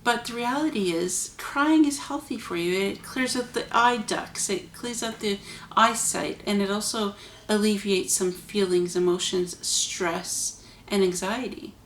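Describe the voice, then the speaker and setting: A woman talks straight to her viewers in an earnest, chatty way as the host of her own vlog. Her voice sits at an ordinary middle pitch and rings a little off the walls of the room. Faint background sound hums underneath. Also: a little slow, fairly bright tone, roomy sound, slight background noise. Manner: conversational, earnest, chatty asides. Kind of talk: casual spoken reflection to camera.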